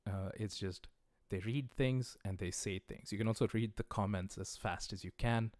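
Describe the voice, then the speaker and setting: A language teacher with a lowish voice runs a casual livestreamed lesson, relaxed and conversational, often stopping on "uh" and "um." He sounds encouraging and recommends resources directly to his viewers. The audio is close and dry, with no room echo.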